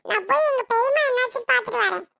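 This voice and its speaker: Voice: very high voice, very fast, gravelly, sharp tone, no room sound, heavily acted. A voice actor playing a young husband in a cartoon, speaking with a Tirunelveli Tamil accent, exasperated with his wife and pleading with his aunt. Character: young husband, defiant then tearful. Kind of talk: cartoon voice acting.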